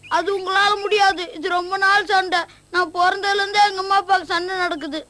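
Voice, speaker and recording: A man's voice: very high-pitched, steady tone, fairly quick, sharp tone. An actor playing a tearful little boy, with a whiny, sobbing way of talking. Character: young boy crying over his parents' fights.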